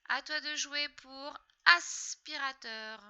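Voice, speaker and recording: Woman teacher, bright higher voice, slow patient delivery for small kids. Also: muffled recording. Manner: slow, patient, step-by-step instructions. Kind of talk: reading lesson for young children.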